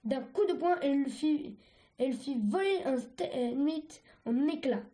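A woman reads a storybook aloud, stumbling and restarting her words as she goes. Her voice is notably high. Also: lively intonation, mellow. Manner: halting, stumbling reading with restarts. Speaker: reader.

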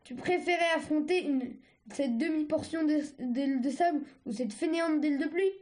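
Woman doing a shouty bossy red dragon girl, mean sarcastic fight teacher, high and loud. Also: unhurried.

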